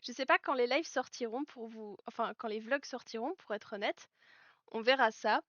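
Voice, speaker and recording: A woman streaming live while making clothes, chatting with viewers, telling stories, laughing often and switching into halting English. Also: a little high, no room sound, highs cut off. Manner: chatty storyteller, laughs often, answers chat. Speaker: livestreamer and clothing maker. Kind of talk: casual chat with live viewers. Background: soft background music.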